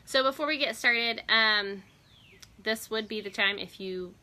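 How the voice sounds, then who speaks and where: A woman's voice: on the high side, unhurried, sharp tone. A woman hosting a casual live stream outdoors on a porch, chatty, greeting viewers by name and laughing often.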